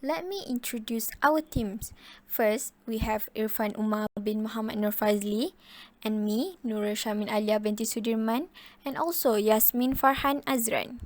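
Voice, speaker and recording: A young woman student reads her class presentation formally, working through a list of points. Her voice sits a little high and sounds close and dry, with no room echo. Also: moderate pace. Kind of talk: reading a prepared class presentation.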